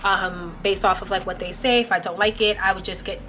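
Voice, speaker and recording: A young woman with a medium-pitched, sharp voice talks briskly in a steady tone, with slight background noise. She's casually vlogging to camera and explaining things chattily, full of "um" and "like." Arabic is not her first language.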